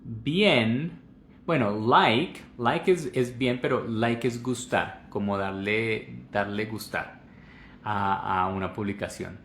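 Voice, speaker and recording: A man's voice: on the low side, slow, fairly bright tone, echoey room, a little hiss or hum. A man teaching English pronunciation in a live online class, explaining and repeating words over and over to demonstrate the sounds.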